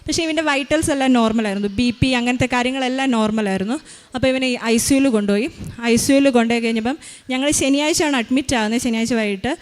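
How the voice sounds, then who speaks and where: A woman's voice: high-pitched, quick pace. A woman in her thirties giving a spoken faith testimony as a mother, retelling events earnestly with many hesitations.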